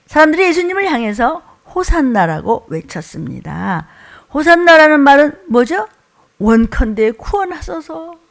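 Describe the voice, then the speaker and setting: A woman pastor preaching a sermon in a church, animated and acting out the crowd's shouts as she searches aloud for words. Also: sits high, normal speed, gravelly.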